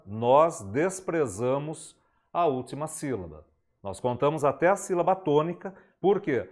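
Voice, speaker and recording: A Brazilian man lecturing on poetry in a slightly high voice, speaking slowly and deliberately. He talks emphatically, poses rhetorical questions and reads verse lines with dramatic weight. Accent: Brazilian Portuguese. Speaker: literature teacher. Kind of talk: exam-prep literature lecture.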